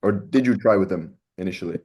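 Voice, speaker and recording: A man's voice: low-pitched, fast talker, darkish tone, husky. A man hosting a casual interview, talking in a loose, slangy way and calling his audience boys and lads. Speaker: host.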